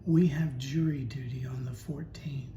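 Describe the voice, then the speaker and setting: A man's voice: mid-range voice, unhurried, close to an everyday voice. A man voicing a chatty older wife who exclaims over the day's mail, in a loosely acted story voice. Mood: fussy. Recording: echoey room with steady noise.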